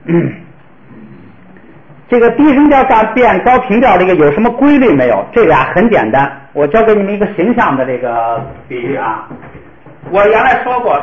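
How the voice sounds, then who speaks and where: A male language teacher, lecturing a class patiently and step by step, with many fillers. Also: sits high. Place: classroom with students. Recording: roomy, dull lo-fi classroom recording.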